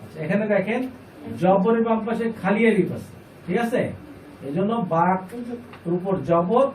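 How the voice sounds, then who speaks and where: A high-voiced man teaching a reading class, patient and repetitive, pausing to quiz his students. He sounds distant from the microphone, in an echoey room with faint noise behind him. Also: a little mellow. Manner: patient, repeats points and asks the class questions. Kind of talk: classroom lesson.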